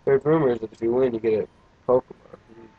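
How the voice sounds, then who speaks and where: A man's voice: medium pitch, brisk, breathy edge, narrow, tinny audio. A young man casually commentating a video game, tired and yawning, with a crude, joking, rambling manner. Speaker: let's play gamer.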